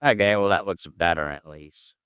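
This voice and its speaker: A man's voice: deep voice, normal speed, fairly bright tone, smooth, no echo, studio quality. A man thinking aloud as he works through code, muttering, humming and trailing off as he goes. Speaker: programmer streaming his coding work. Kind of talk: casual think-aloud coding session.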